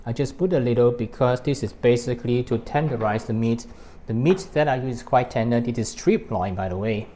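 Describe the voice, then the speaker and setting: A Hong Kong–born man who grew up in Malaysia and has a Malaysian accent hosts a cooking show, demonstrating a recipe to camera step by step. He talks fairly quickly in a dark, mid-range voice, with slight background noise.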